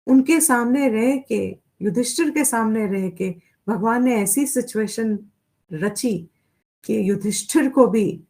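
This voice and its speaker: Slow-paced Hindi-speaking woman teacher. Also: on the high side, creaky. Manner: mixes Hindi with English phrases, acts out quoted voices. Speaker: Vedanta teacher. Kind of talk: spiritual lecture.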